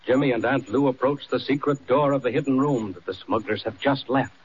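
A man reading scripted radio narration in an even, announcing manner, on an old recording. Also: medium pitch, a little fast, breathy edge. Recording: dull old radio recording, faint hiss.

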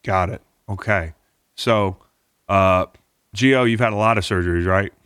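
A man's voice: lowish voice, unhurried, fairly bright tone, smooth, dry recording, clean studio sound. A man hosting a podcast, talking casually in a rambling, encouraging way. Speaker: podcast host.

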